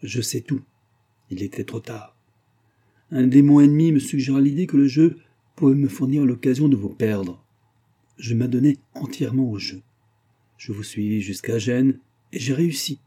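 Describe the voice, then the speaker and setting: A man reading aloud, voicing a vengeful, triumphant colonel with accusing, declamatory delivery in a husky, dark voice. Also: mid-range voice, normal speed, long pauses, voice pushed up, natural voice.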